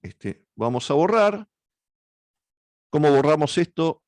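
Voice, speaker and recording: Hesitant Argentine man teaching software. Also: fairly high pitch, animated, slow pace, no echo. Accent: Argentine Spanish. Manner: hesitant, many fillers and self-corrections. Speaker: workshop instructor. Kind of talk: software tutorial walkthrough.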